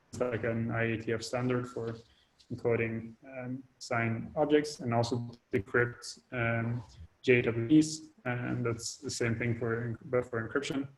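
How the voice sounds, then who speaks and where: A man explains technical work over a video call, stopping and restarting often and filling pauses as he talks. His voice stays flat, with little rise or fall in pitch. The call audio breaks up now and then. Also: low-quality recording. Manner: hesitant, many fillers and restarts. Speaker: developer giving an update.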